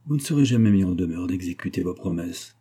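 Man reading a blunt, grave old doctor, dark husky voice, measured. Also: deep voice, animated. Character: grave older male doctor, blunt but calm.

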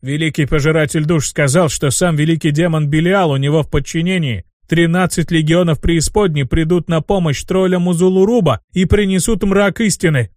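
A solemn old troll chieftain, read by a man, fawning yet wily, with ceremonious speech pitched a little high. The audiobook voice is close and dry. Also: moderate pace, few pauses, a little mellow, no room sound, natural voice. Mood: exalted.

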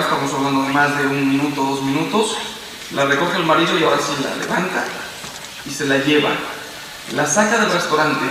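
A Mexican man in his fifties preaches from a distance in a big, echoey hall, and faint ambience hangs behind him. His voice sits high and bright, and he tells the story dramatically, rising to loud cries and falling to near hushes. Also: slight background noise. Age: 50s. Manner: storytelling, dramatic swings into loud exclamations then hushed drops. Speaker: priest. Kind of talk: sermon.

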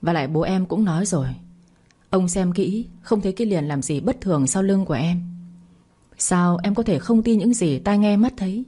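A woman narrator voicing a stern older sister-in-law who firmly explains and scolds, with a low, husky voice. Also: animated, moderate pace, warm tone.

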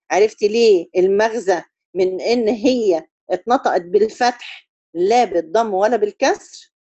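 A woman with an Egyptian Arabic accent leads a tajweed lesson in a warm, mellow voice. She explains each rule step by step and often checks that her students follow. She sings out long, stretched syllables to show how the verse should sound, and the recording is close and dry. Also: mid-range voice, dry recording, highs cut off. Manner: chants drawn-out syllables to demonstrate recitation. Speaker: Quran recitation teacher.

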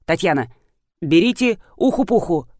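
A woman voicing a pompous male animal psychologist who gives grand, rapid instructions in a lowered voice. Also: lively intonation, a little mellow, no echo, studio quality.

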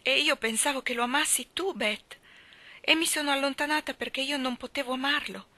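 A woman's voice: fairly high pitch, normal speed, sharp tone, no room sound. A woman voicing a passionate, headstrong young woman who speaks in an emphatic, pleading way.

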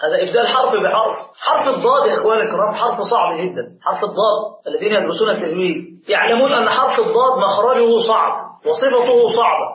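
High-voiced quick sheikh teaching in an echoey room. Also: male voice, lo-fi sound, slight background noise. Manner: animated teacher, demonstrates pronunciation slowly, answers questions. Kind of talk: religious lesson to a live class.

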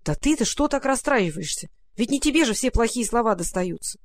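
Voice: mid-range voice, expressive, a little fast, lightly acted. A storyteller voicing a bold, curious young girl who speaks plainly and directly. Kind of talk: storybook reading.

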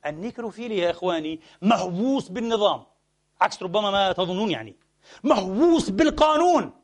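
A man delivering a Friday sermon, putting rhetorical questions to his congregation and moving between quick asides and slow, emphatic lines. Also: sits high, lively intonation. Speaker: preacher.

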